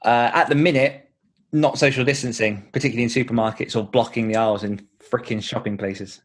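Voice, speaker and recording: On his own show, a podcast host and author from Britain, speaking with a British accent, is the one being interviewed. He keeps it casual and jokey, with a medium-pitched, steady voice and a slightly quick pace.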